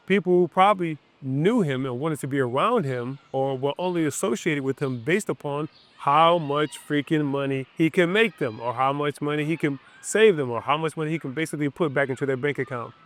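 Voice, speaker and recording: A man giving a reflective motivational talk to camera outdoors in a park. He speaks earnestly in short phrases and comes back to his key points. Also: fairly high pitch. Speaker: business coach.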